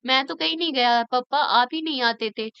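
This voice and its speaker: An excited little boy who keeps asking wide-eyed questions, as a woman reads him out. The voice sits very high and bright and sounds crisp and clean. The recording is dry and slightly dull. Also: fairly quick, no room sound. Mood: curious. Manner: eager, wondering questions. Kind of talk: audiobook reading.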